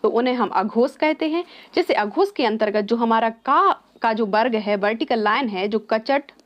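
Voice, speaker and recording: Woman teacher, higher voice, dull sound. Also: moderate pace. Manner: asks questions then answers them herself; mixes English words into her explanation. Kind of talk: exam-prep lesson.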